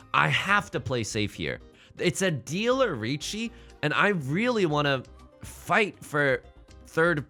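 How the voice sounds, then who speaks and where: A man's voice: mid-range voice, pushed and bright. A man commentating on his own game live, thinking aloud casually with joking, mock-dramatic asides. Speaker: gaming streamer.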